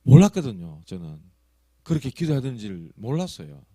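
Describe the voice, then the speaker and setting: Lively Gyeongsang pastor preaching. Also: male voice, mid-range voice, fairly quick, no room sound. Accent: Gyeongsang Korean. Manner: storytelling, shifting from loud emphasis to hushed asides; acts out quoted prayers and tongues. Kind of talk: sermon.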